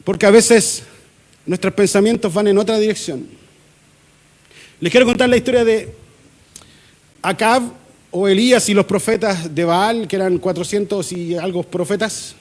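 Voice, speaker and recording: A man's voice: high voice, normal speed, pauses often. A man with a Chilean accent, a pastor preaching a conversational sermon in church, acting out little dialogues with humor.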